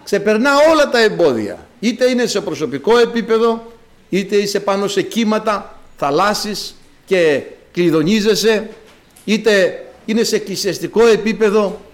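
A man's voice: high-pitched, expressive. A man preaching a sermon, emphatic and repetitive, reading scripture passages aloud. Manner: emphatic, repeats phrases, reads scripture in archaic Greek.

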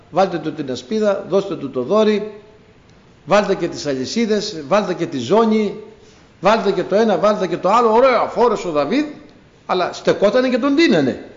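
A man preaching a sermon to his congregation, telling biblical stories with animated storytelling and acted-out dialogue. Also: high-pitched. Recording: echoey room, dull lo-fi sound.

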